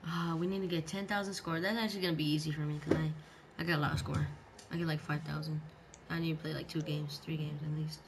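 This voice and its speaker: A man's voice: a little high, level tone, quick pace. A male gaming video host giving casual gameplay commentary with slangy, bro-heavy talk. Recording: background game noise.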